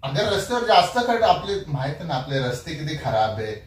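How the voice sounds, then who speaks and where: Defensive man in a boomy room. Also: very animated, fairly quick. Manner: defensive, pleading. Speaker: husband pulling a prank. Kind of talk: heated domestic argument. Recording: echoey room, from a distance.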